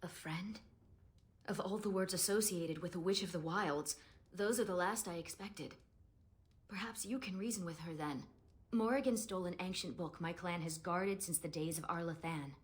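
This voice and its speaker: A woman with a fairly low, everyday-sounding voice speaks at a moderate pace in scripted fantasy game dialogue. She's an actress playing a proud, guarded young elven woman, delivering her lines earnestly and formally.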